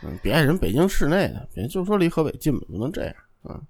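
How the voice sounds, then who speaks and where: A man's voice: on the high side, big pitch swings, quick pace, creaky, a little mellow. A man with a Beijing accent co-hosting a podcast, chatting casually in a blunt, colloquial way. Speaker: podcast co-host. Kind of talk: casual chat.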